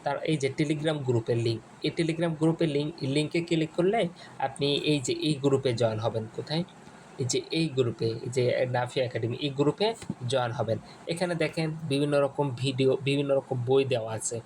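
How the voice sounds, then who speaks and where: A man from Bangladesh guiding viewers step by step through a phone screen, talking in a halting way with many restarts and repeated phrases. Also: mid-range voice, background noise. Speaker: Arabic course instructor. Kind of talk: screen-share tutorial walkthrough.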